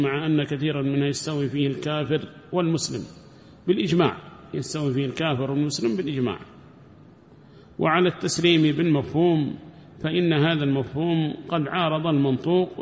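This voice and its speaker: A man, an Islamic scholar, explaining a classical text in a classroom lesson, lifting his voice when he reads quotations aloud. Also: a little hiss or hum. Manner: explains calmly, rises in pitch when reading quoted text aloud. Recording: long reverb of a large hall.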